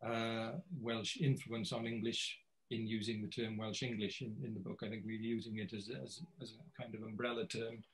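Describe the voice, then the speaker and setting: A man's voice: fairly low pitch, little pitch movement, moderate pace, low-quality recording. A man speaking as a guest in an academic panel conversation over a video call. He talks hesitantly, with many restarts and repeated words.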